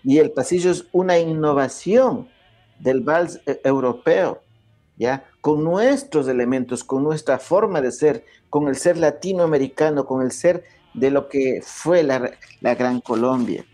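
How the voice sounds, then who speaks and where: This Ecuadorian man is a guest in an explanatory interview, lecturing on music history with frequent "¿ya?" checks and many restarts. His voice is on the high side and dark in tone, moving a little slowly.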